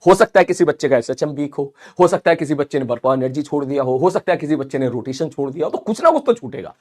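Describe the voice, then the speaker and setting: A high-voiced man with an Indian accent teaches physics in a live online class. He talks quickly and energetically, chatty and encouraging as he reads out messages from students. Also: animated, darkish tone.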